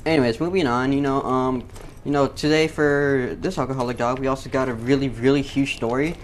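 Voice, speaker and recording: A man's voice: medium pitch, steady tone, fairly quick, a little hiss or hum. A man, a gaming YouTuber, talking casually over gameplay in a rambling, profane way with lots of fillers.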